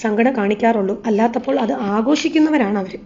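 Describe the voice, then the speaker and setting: A woman's voice: a little high, fairly quick, warm tone, a little hiss or hum, lightly acted. A woman reading the lines of a kind young daughter-in-law who speaks earnestly and with worry. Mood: worried. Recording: slightly dull lo-fi recording.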